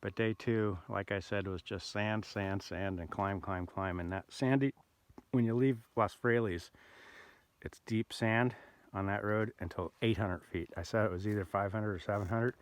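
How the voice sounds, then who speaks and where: An older man telling a rambling, easygoing story outdoors on a remote mountain road, with many pauses and "uh"s. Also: on the low side, no room sound. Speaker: bikepacker vlogger. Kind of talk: casual outdoor vlog narration.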